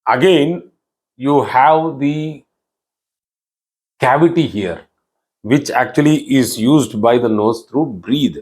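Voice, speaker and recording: A man's voice: medium pitch, animated, takes it slowly, long pauses, a little mellow. A middle-aged man with a South Indian accent, giving a recorded astrology lesson in an explanatory style, often restarting phrases. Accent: South Indian English. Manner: explanatory, repeats words and restarts, frequent "you know". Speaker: astrology teacher. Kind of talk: online class lecture.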